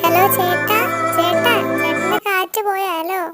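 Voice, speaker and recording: A woman's voice: very high voice, fairly even intonation, normal speed, over loud music. A young woman voicing a chatty, pouty female college student in an amateur fan dub.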